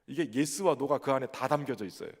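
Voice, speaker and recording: A male pastor from Chungcheong, South Korea, with a Chungcheong Korean accent, preaching a sermon in a lively, conversational way with touches of humor. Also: medium pitch, fast talker, husky, big-room sound. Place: church sanctuary.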